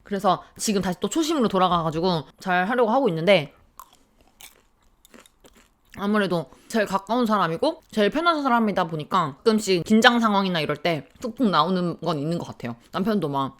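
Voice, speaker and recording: Lively, fast-talking woman chatting. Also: mid-range voice. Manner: lively storytelling, acts out quoted lines; sips a drink while chatting. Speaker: vlogger. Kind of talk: casual chat.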